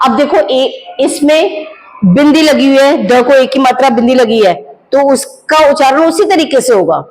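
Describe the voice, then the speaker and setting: A woman teaching Hindi grammar to students, drawing out each word slowly so they can copy her pronunciation and calling them "beta" as she explains. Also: sits high, lively intonation, darkish tone, a little hiss or hum, low-quality recording. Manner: slow, drawn-out pronunciation of words for students to copy; addresses students fondly as "beta".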